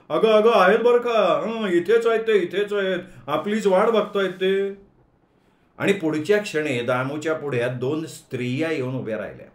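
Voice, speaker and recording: A man narrating a story in an expressive, measured manner, in an echoey room. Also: mid-range voice. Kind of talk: story reading.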